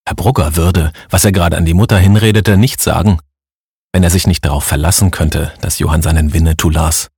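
Deep, husky male narrator. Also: steady tone, fairly quick, darkish tone, no room sound, clean studio sound. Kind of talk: audiobook narration.

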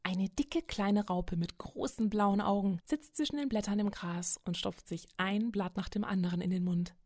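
A woman reading children's stories aloud in a gentle, expressive way. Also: mid-range voice, normal speed, no room sound, clean studio sound. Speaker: storyteller.

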